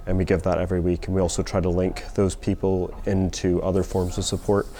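A man's voice: sits low, level tone, brisk, mellow. A man explains things informally as an interviewee, in a hesitant, thoughtful manner. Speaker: community support project worker.

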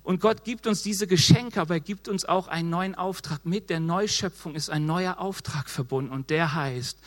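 A man preaching a casual, lively sermon, acting out excuses in quick quoted voices. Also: sits high. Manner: moves around while preaching.

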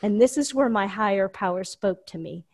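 A woman telling a personal story in casual chat, animated and full of fillers. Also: mid-range voice, normal speed. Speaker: guest storyteller.

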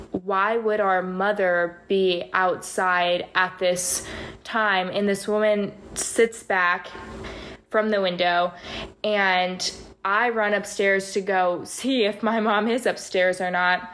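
A woman being interviewed, recounting a strange experience in an even, steady way. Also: takes it slowly, slight background noise. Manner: flat, steady storytelling voice with few pitch swings. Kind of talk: personal storytelling in an interview.

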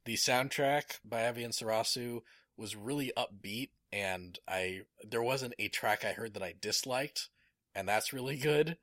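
A man's voice: mid-range voice, measured pace, fairly bright tone, no room sound, studio quality. A man chatting casually as a podcast host, enthusiastic and rambling, with many fillers. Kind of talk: casual chat.

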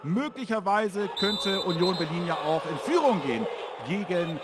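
Very high-pitched male football commentator. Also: moderate pace, very noisy. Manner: excitable. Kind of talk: live match commentary.

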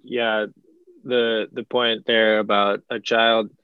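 A man's voice: fairly low pitch, clean tone, dry recording, narrow, tinny audio. A man hosting a podcast, talking casually with many fillers and restarts. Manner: relaxed, halting, many fillers. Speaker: podcast host.

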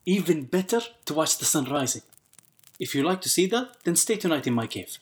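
A man's voice: on the high side, big pitch swings, a little fast, very noisy, voice pushed up. A man doing a friendly cave host with clicking behind. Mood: inviting. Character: friendly local man offering his cave for the night.

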